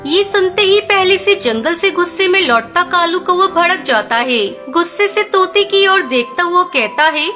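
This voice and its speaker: Bright, high-voiced woman storyteller. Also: expressive, unhurried, few pauses. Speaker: narrator. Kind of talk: scripted storybook narration. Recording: narration over background music.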